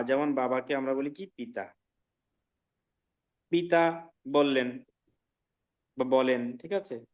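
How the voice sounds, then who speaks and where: A man teaching an online language class, explaining slowly and often checking that students follow. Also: mid-range voice, muffled recording. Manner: slow, patient explaining with frequent check-ins to students. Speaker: Sanskrit teacher.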